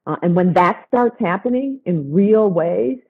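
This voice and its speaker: Male panelist, slightly high voice, emphatic unscripted remarks down a tinny line. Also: lively intonation, measured pace, breathy edge. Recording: thin phone-like line.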